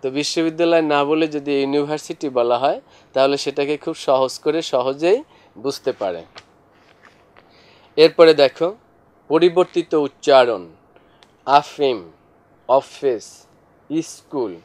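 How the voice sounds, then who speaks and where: A man's voice: on the high side, measured pace, pauses often, darkish tone. A male teacher giving a classroom lesson, speaking to students directly and listing examples one after another. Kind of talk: classroom lesson explaining vocabulary.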